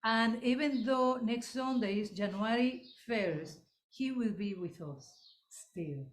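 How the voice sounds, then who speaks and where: A woman minister welcomes the congregation and leads a calm opening prayer, slipping into Spanish phrases for parts of it. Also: fairly high pitch. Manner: calm, unhurried, leads a guided breath and prayer. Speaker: church minister leading the service. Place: church service hall. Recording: echoey hall, faint room noise.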